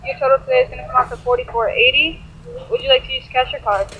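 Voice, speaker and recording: A drive-thru order taker heard through the outdoor speaker, taking orders in a brisk, polite way. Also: high voice, steady tone. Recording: dull lo-fi drive-thru speaker with faint noise.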